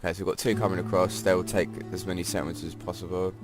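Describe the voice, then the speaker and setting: A gameplay commentator with a low, level, congested-sounding voice talks very fast as he casually discusses a strategy game and thinks through his moves aloud. Game music plays in the background.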